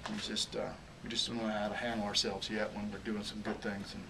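At a table in a small press room with a logo backdrop behind him, a head football coach gives postgame press conference answers in a lower, flat male voice. He's halting, repeating words as he searches for phrases. A table microphone on a stand captures him from a distance, with room noise audible.

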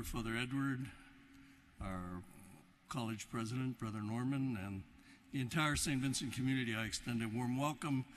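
An older cleric, a man, giving a formal welcome in a halting way with frequent uhs, in a reverberant basilica. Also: mid-range voice, a bit bright. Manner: halting, frequent uh between phrases. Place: large stone basilica, at the ambo. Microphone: lectern microphone. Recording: reverberant basilica, faint noise.

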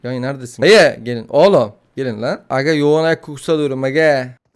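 A man giving casual, excitable gameplay commentary, swearing, joking and trash-talking his opponents. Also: medium pitch, quick pace, a little hiss or hum. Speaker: gaming YouTuber.

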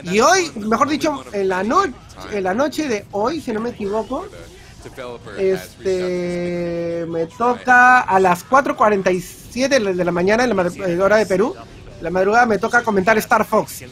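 Peruvian male stream commentator, high-pitched, upbeat and chatty, casual live banter. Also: measured pace, a bit bright. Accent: Peruvian Spanish. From Peru. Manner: chatty, upbeat, filler-heavy. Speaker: speedrun commentator.

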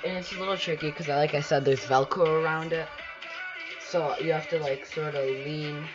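A man's voice: fairly high pitch, steady tone, normal speed, dull audio. A young man casually narrating a voice-over about cleaning his sailboat, rambling with lots of fillers and restarts. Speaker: sailing vlogger narrating his boat work. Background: background music.

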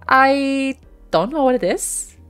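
A woman's voice: sits high, expressive, slow pace, fairly bright tone, faint music behind. A woman doing casual, sweary reaction commentary as a cute anime-style streamer. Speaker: VTuber streamer reacting to a video.

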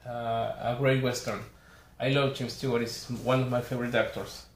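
His medium-pitched voice barely rises or falls as this Argentine man, a native Spanish speaker with an Argentine accent, shows off his haul. The casual to-camera chat happens in a small indoor bedroom with echo, and he names titles one at a time, halting and apologetic.

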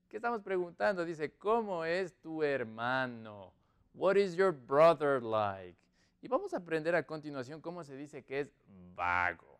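Man, English teacher, online lesson, slow drilling delivery, animated pitch, clear resonant voice. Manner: slow, drawn-out English model sentences between quick Spanish explanations; repeats and drills words for learners.

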